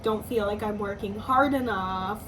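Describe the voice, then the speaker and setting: A woman in her twenties, a musician talking slowly and thoughtfully in a personal vlog, often pausing and restarting her sentences. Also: medium pitch, a bit bright. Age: 20s. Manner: slow, thoughtful, hesitant with restarts. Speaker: musician vlogger. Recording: slightly distant mic, faint background noise.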